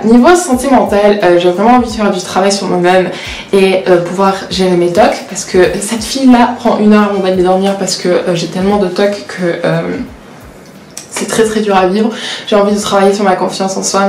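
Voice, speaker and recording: A 19-year-old law student who vlogs, Portuguese being her first language, shares casual confessions at normal speed. Her mid-range voice is a little mellow with fairly even intonation, and she hesitates often while mocking herself. Roomy echo and a little hiss or hum color the recording.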